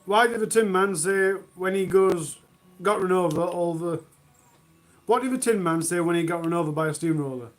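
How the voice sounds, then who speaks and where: Male streamer, high voice, reads bad jokes live from home and groans at them. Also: normal speed. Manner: self-mocking, groans at own jokes. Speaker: livestream host. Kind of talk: reading jokes on a charity livestream.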